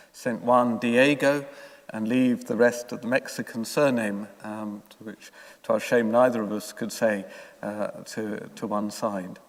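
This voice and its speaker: A man speaking as a priest at a church service, measured and hesitant, his voice echoing as in a cathedral. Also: mid-range voice. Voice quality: echoing, reverberant cathedral-like sound. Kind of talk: gospel reading and homily. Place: church, heard in long reverb. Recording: long cathedral-like echo.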